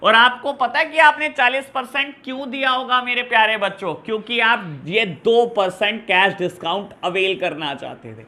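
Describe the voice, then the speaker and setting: A man's voice: very high voice, moderate pace, few pauses, sharp tone. A man teaching an accounts lesson, talking fondly to his students and mixing with terms. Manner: affectionate, calls students "my dear children". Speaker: commerce teacher. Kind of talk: classroom lesson explaining journal entries.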